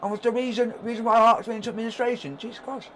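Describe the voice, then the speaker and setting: A man hosting a live football watchalong stream, reacting excitedly and cheering his team on to the chat. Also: very high voice, rapid-fire, a little hiss or hum. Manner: cheery, keeps urging the team on and rallying the chat.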